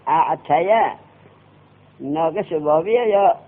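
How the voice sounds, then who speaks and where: A man teaching a classroom grammar lesson, quizzing his students with quick questions. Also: on the high side. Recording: tinny lo-fi classroom recording.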